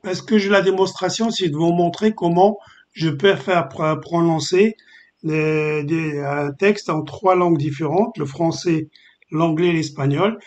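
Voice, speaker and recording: A man presenting a screen-recorded software tutorial, explaining step by step with frequent filler pauses. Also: a little high, dull audio. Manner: hesitant, many filler pauses.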